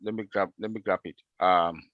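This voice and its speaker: An excitable man who repeats himself while answering questions in a casual online meeting. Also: low-pitched, moderate pace, no room sound, phone-quality sound. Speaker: presenter answering member questions.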